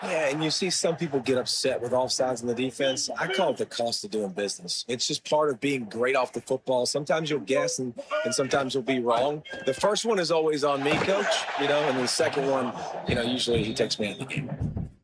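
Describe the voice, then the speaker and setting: A man's voice: mid-range voice, fairly quick, noisy background, lightly acted. An American man working as a color commentator, explaining football plays in an emphatic, conversational way. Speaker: color commentator, former defensive player. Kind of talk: conversational football analysis for a sports game broadcast. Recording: music behind the commentary.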